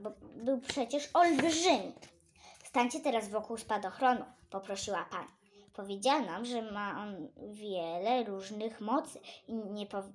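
A woman reading a children's book aloud, animated, her voice leaping up for exclamations. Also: a little hiss or hum. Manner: animated, jumps high for exclamations. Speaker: storyteller.

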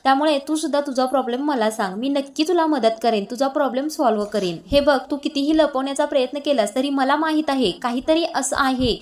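A woman's voice: high voice, fairly quick, hardly any pauses, natural voice. A woman reading as a caring, probing young sister-in-law. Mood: coaxing.

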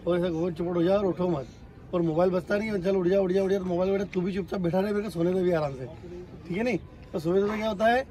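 A man with a notably high voice addresses his trainees on an outdoor track, scolding them about excuses and responsibility. He keeps asking whether they have got the point, like a stern coach drilling a lesson home. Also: darkish tone. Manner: scolding, repeatedly asks "got it?". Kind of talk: lecturing trainees.

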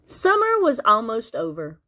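A woman reading a children's picture book aloud, expressive and speaking the sound effects out loud. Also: a little high, unhurried. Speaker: storybook reader.

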